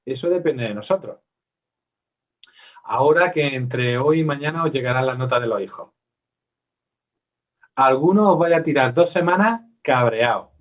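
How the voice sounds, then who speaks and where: A man's voice: medium pitch, animated, normal speed, long pauses, recorded from a distance, highs cut off. Man teaching parents. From Spain. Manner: conversational, asks the audience questions, acts out quotes. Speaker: psychologist giving a parenting workshop. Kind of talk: live workshop talk to parents.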